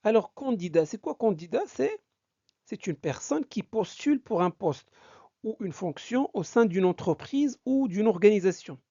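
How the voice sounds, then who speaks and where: A woman's voice: medium pitch, expressive, mellow, no room sound. A woman teaching a language lesson, reading a dialogue aloud and explaining each phrase while checking that her listeners follow. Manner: slow, explanatory, checks understanding. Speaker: French teacher. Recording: dull, lo-fi dry recording.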